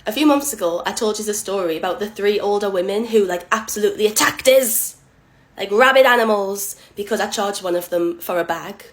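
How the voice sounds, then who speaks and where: A woman, a shop cashier, telling a storytime monologue in an animated, sarcastic way, swinging between loud bursts and low asides. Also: fairly quick.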